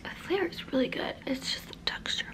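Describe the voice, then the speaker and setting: Softly and haltingly, an ASMR creator in her twenties repeats words slowly in a whispered roleplay. Her whisper is breathy and mostly unvoiced, captured very close to the microphone inside a small bedroom.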